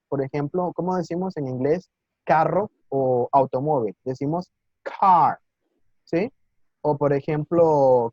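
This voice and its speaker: A man teaching a live online Mandarin class, patient and encouraging, often checking in with his students and sounding out words slowly and clearly. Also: a little high, dry recording, muffled recording.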